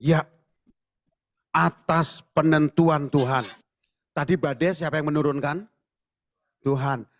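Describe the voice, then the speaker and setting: A male pastor preaching a sermon in a lively way, acting out voices and sometimes shouting. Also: fairly high pitch, slow, pauses often, no room sound. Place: church service.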